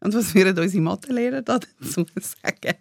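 A woman with a Swiss German accent co-hosting a casual radio studio chat, bubbly and quick to exclaim. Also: mid-range voice, creaky, no room sound. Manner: bubbly, exclaims loudly, laughs often. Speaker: podcast co-host.

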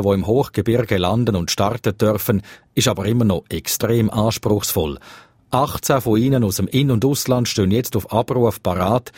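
A man with a Swiss German accent and a slightly husky voice, narrating a scripted radio feature as a reporter. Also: fairly low pitch, darkish tone, no echo.

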